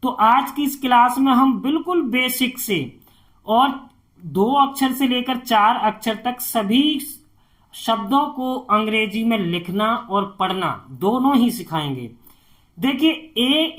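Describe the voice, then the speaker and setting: A woman teacher leads an online spelling lesson at a slow, unhurried pace. She stretches each letter and syllable as she spells it out. She often asks a question and answers it herself. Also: fairly high pitch, animated, fairly bright tone.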